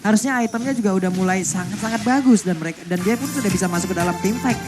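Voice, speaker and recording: A man working as an esports shoutcaster, giving animated, emphatic live game commentary. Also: high-pitched, racing, over loud music.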